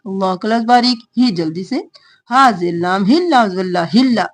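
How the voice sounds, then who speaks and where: A woman teaching Quran recitation with tajweed, slowly drawing out each recited word and then explaining the rules in quick spoken asides. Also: mid-range voice, animated.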